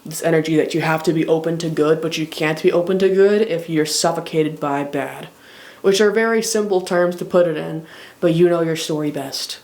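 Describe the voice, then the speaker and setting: A tarot reader talking through a love reading in an unhurried, reflective way, coaching the listener directly and checking in with "right?". Stretches of guidebook text read aloud sit between the reader's own comments. The voice stays at a middling pitch. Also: steady tone, a little mellow.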